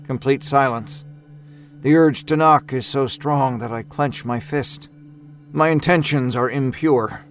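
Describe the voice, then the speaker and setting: A man with a medium-pitched voice narrates a scripted first-person horror story at an unhurried pace, wry, understated, and dramatic. Faint music plays behind him, as his narration runs over a musical score.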